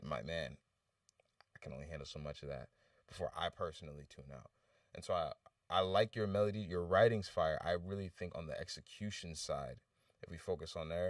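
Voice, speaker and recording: A deep-voiced man hosts a casual music review livestream. His talk is loose and rambling, full of restarts, and sounds set back from the microphone. The sound is dry and close to the walls, with no room echo. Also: recorded from a distance.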